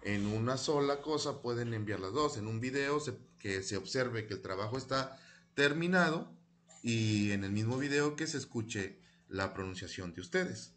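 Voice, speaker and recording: A man teaching a recorded English lesson, slowly reading words aloud and repeating each one for students to copy. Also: medium pitch, lively intonation, fairly bright tone. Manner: slow, deliberate, repeats each word for students.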